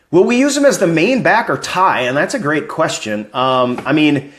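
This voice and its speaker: A man's voice: medium pitch, a bit bright. A man hosting a live fan stream, greeting viewers by name and chatting casually about football news.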